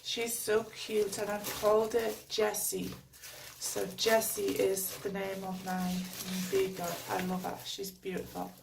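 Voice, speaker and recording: A beauty vlogger from the North East of England, with a Geordie accent, chats at home during a casual unboxing, her medium-pitched, monotone voice croaky and gravelly from a cold. She rambles slowly and unhurriedly, full of fillers, recorded from a little distance with faint noise behind her.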